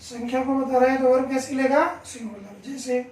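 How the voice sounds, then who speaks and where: A man teaching a grammar lesson in a classroom, his voice pitched high. He keeps asking the class questions and slowly repeats each example. The sound is roomy and echoing, picked up from across the room. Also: steady tone, a little mellow. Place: classroom with a board. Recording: echoey room, voice from far off.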